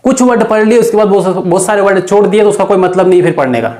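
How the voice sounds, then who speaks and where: A man's voice: high voice, fast, darkish tone. A male teacher giving an exam-prep grammar lesson, repeatedly asking and answering his own questions. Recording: echoey room.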